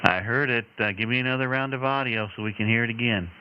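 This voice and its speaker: A man's voice: medium pitch, fast talker. A man acting as net controller on amateur radio, taking check-ins with procedural jargon and call signs. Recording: crackly muffled radio audio, heavy noise.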